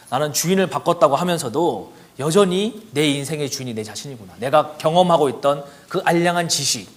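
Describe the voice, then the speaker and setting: A man preaching a testimony sermon at a church service, telling his story with animation and acting out his own prayers. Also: fairly high pitch. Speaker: guest preacher.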